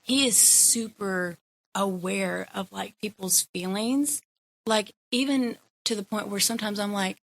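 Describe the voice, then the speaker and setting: A woman's voice: mid-range voice, steady tone, a little slow, a bit bright. A woman in her thirties, a guest in an interview, talking casually with lots of fillers. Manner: casual, chatty, many fillers. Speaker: guest, educator and mother. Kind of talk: conversational interview.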